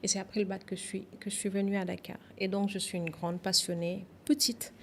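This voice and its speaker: A woman's voice: medium pitch, little pitch movement, a little fast. Woman speaking thoughtfully. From Senegal. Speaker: podcast guest, author. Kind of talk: podcast interview.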